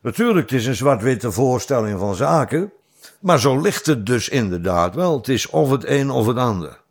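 A middle-aged man preaching, reading scripture slowly and with stress, then explaining it in plain talk. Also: medium pitch, big pitch swings. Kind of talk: Bible teaching sermon.

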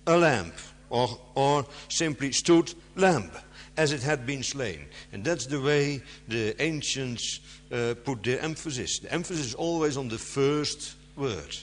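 A man preaching to an audience, stressing key words with sharp rises and sometimes pausing with fillers to find his words. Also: mid-range voice, a little hiss or hum. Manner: halting, searches for words with fillers. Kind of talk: sermon. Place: large hall before an audience. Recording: long hall reverb.

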